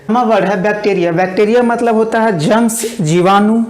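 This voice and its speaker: A woman teaching English vocabulary in an online exam-prep lesson, explaining each word and then dictating it slowly with repetitions. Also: mid-range voice, darkish tone, roomy sound.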